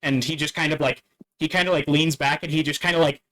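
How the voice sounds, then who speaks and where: A man narrating a tabletop game as dungeon master, halting and full of fillers and restarts. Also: fairly high pitch, fairly even intonation, a bit bright, slight background noise, low-quality recording.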